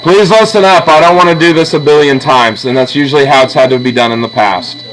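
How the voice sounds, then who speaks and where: This low-quality clip features a male art teacher with a fairly high, fairly bright voice who talks at a quick pace. He guides students in a classroom through a drawing exercise step by step, staying patient and regularly checking in with "okay?" and "all right?"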